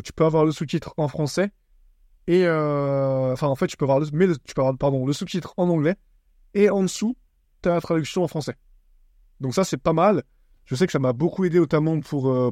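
A man's voice: on the high side, dark tone, no echo, clean studio sound. A young man from France hosting a casual solo podcast, talking bluntly and teasingly in slang, calling the listener bro. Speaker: podcast host.

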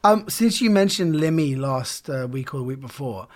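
A man co-hosting a casual podcast, chatting fast and laughing, then reading a story aloud. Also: mid-range voice, expressive, darkish tone. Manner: laughs often, quick and chatty.

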